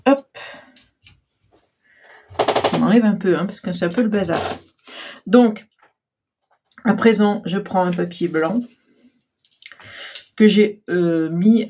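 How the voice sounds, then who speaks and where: A woman hosting a casual crafting tutorial, chatty and self-deprecating, full of fillers and clearing her throat often. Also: lowish voice, dark tone, lo-fi sound, slight background noise. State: frequent throat clearing, frog in throat. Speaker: crafting channel host.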